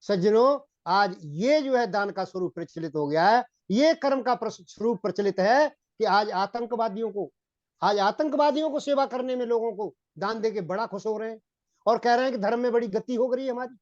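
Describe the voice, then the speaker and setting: A man giving a Hindi-accented sermon on Vedic philosophy, repeating phrases and often addressing his listeners as gentlemen. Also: high voice, normal speed, no echo. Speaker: Vedic preacher. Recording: dull, dry lo-fi recording.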